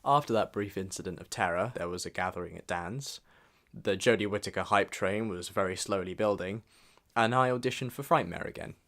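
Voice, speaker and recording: A young man reads a scripted voice-over reviewing his own year, vlog style, over background music. His voice is low, fairly quick and a bit bright.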